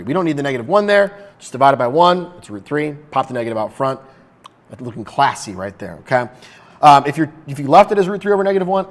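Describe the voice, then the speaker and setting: A man teaching a math lesson in a casual, upbeat way, talking straight to his viewers. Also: medium pitch. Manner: upbeat, chatty, talks to viewers directly.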